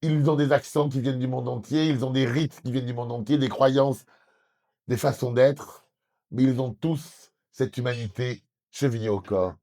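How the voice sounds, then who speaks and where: Earnest French man, halting interview answers. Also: medium pitch, fairly even intonation, warm tone. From southwest France. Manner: earnest, many hesitations and restarts. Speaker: TV documentary presenter, interviewee.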